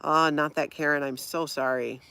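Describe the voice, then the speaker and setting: She's a middle-aged woman from Hawaii with a light Minnesota accent, casually running a livestream, reading chat, and laughing a lot at what viewers write. Her low-pitched voice is steady, creaky, and sharp yet clean, delivered at normal speed with no echo.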